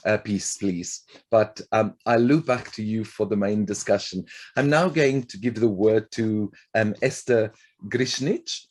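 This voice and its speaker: Polite, halting male moderator. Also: on the low side. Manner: polite, halting, many um fillers. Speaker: panel moderator. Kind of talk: moderating a panel discussion.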